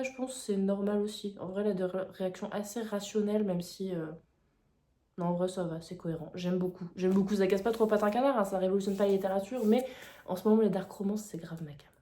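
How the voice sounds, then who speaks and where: A woman's voice: mid-range voice, fast talker, warm tone. A young woman in her twenties chatting enthusiastically about her reading in a casual vlog, filmed at home on a phone. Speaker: book vlogger. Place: home, indoors. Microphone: phone mic. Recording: echoey room on phone mic.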